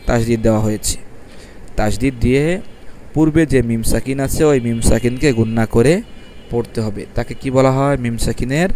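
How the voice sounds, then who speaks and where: Patient male tutor with a mellow voice. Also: mid-range voice, slight background noise. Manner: asks questions and answers them himself, repeats each rule; spells letters one by one, then draws out the syllables slowly. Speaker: Quran reading teacher. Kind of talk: step-by-step recitation lesson.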